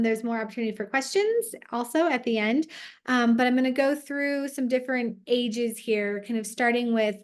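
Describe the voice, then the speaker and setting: A woman in her thirties giving a conversational parent workshop, with many filler sounds as she explains. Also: on the high side.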